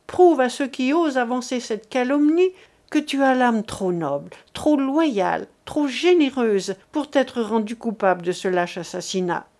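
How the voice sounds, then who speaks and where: A woman reading aloud as a desperate mother imploring men to spare her son, in an impassioned, high voice. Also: animated, a little slow, a little mellow. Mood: pleading. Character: desperate pleading older mother.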